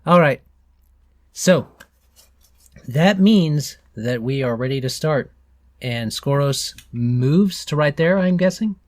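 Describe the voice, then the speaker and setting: A man's voice: fairly high pitch, expressive, slow, long pauses, darkish tone, no room sound. A man acting as game master, casually refereeing a tabletop game.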